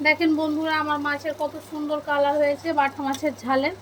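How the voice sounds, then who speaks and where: A woman narrating a cooking video step by step, calmly addressing viewers as friends. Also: high voice, quick pace, slight background noise. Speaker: cooking channel host.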